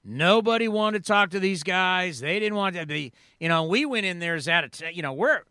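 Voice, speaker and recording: A man in his forties hosts sports talk radio from a studio microphone, his voice high and bright. He speaks clean and smooth, with a dry close sound and no room around him. He tells his stories in an energetic, rambling way. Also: normal speed, dry recording. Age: 40s.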